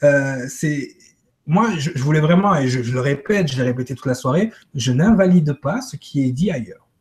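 A man's voice: medium pitch, lively intonation. Guy chatting on a livestream, keeps repeating himself, voice fades out at ends. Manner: halting, repeats words, trails off quietly. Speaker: guest speaker. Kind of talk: casual live-stream talk.

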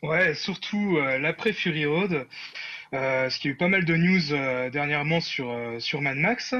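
A man's voice: on the high side, normal speed, pushed and bright, highs cut off. A man co-hosting a podcast, giving film news in a casual, chatty way with many hesitations. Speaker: podcast co-host.

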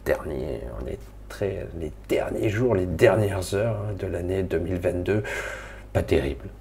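A man's voice: sits low, unhurried, creaky, mellow, a little hiss or hum. A middle-aged man from Marseille, rambling casually and colloquially to viewers of his spiritual live stream. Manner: rambling, colloquial, swears, talks to viewers directly.

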